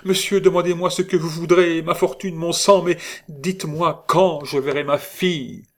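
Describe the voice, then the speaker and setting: A man reading aloud, voicing a distraught noblewoman who pleads in a high, trembling voice. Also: normal speed, natural voice. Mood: distraught, pleading.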